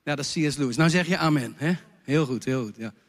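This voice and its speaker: A man's voice: fairly high pitch, quick pace. A man preaching a sermon about a worship song he wrote, talking animatedly and singing lines from it. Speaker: pastor and songwriter. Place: church hall. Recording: long church reverb.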